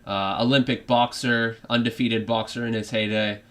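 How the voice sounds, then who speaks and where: A man's voice: medium pitch, steady tone, normal speed, fairly bright tone. A man with a put-on British accent giving rambling live football reaction commentary, full of fillers and restarts. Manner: rambling, many fillers and restarts, drifts off topic. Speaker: fan streaming a live match reaction.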